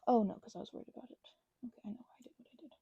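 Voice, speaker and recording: Her voice is a little high, creaky, mellow and slightly rough, and she talks rapid-fire; the recording is dry with the highs cut off. The woman, a crafting vlogger, rambles casually in ASMR style, whimsically speaking to herself and the objects she handles, sometimes down to a near-whisper.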